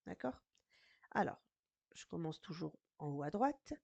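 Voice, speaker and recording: A patient woman teacher walks learners through an Arabic reading lesson in French, slowly sounding out each syllable. Her voice sits a little low, mellow and soft-edged, in a dry, close-sounding room with no echo. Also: very animated, creaky. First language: French speaker teaching Arabic. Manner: patient, slow, spells out syllables. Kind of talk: recorded lesson explanation.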